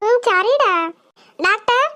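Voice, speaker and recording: A woman's voice: very high-pitched, slow pace, sharp tone, full character voice. A woman voicing a caring, worried mother in a cartoon who comforts her sick child. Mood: comforting. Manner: tender, comforting. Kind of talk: cartoon voice acting.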